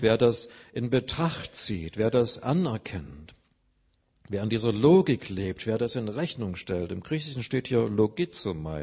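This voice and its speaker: A man's voice: mid-range voice, darkish tone, slightly rough. A man preaching a sermon, earnestly explaining scripture with everyday examples.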